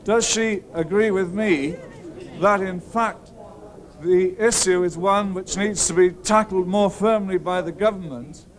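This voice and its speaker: A man's voice: high voice, a little slow. A man putting a formal question as a member of parliament.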